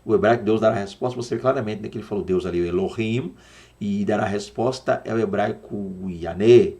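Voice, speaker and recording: A man with a Brazilian accent teaching a Sunday school Bible lesson, animated and full of rhetorical questions, slowing down to spell out words. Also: on the low side. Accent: Brazilian Portuguese. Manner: dramatizes quotes, slowing down to spell out Hebrew words.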